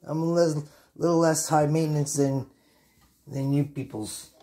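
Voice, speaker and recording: Giggly, tipsy middle-aged man with gravelly creak. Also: a little high, fairly even intonation, a little slow, mellow, a little hiss or hum. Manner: giggly, tipsy drunk rambling; sweary, goofy, repeats himself. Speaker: host of a home cooking vlog. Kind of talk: rambling casual chat to camera. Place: home kitchen, indoors. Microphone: phone, handheld then propped nearby.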